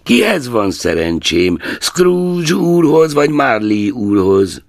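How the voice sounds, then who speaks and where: A well-mannered gentleman speaks with formal courtesy, voiced by a man reading a tale. The reading is dry and close. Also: medium pitch, very animated, creaky, dry recording, voice pushed up. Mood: courteous. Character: polite, formal gentleman visitor.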